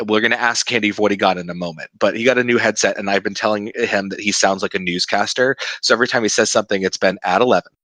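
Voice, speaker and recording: Bright-voiced teasing podcast host man. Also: lowish voice, no echo. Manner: upbeat, teasing, quick asides. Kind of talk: casual gaming podcast chat.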